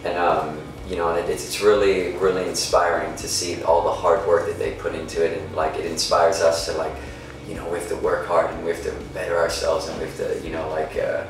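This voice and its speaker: A very deep-voiced man rambles loosely through his answers, circling back with restarts and fillers. He sits far from the mic in a very echoey space with music playing behind. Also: little pitch movement, fairly quick, hardly any pauses, a little hiss or hum. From Denmark. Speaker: singer. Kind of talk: casual interview.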